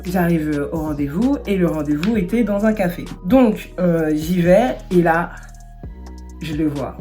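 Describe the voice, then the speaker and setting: A young woman tells a casual storytime in a fairly low voice, animated and slangy, with frequent fillers. She records without a separate microphone, so the sound is plain and unpolished. Soft music plays faintly underneath. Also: a little slow. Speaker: vlogger telling a story. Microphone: no external microphone.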